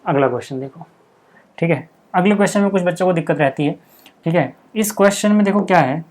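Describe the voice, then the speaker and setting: A man teaching a maths lesson step by step, checking in constantly with "okay" and repeating the key steps slowly. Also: sits high, darkish tone, a little hiss or hum.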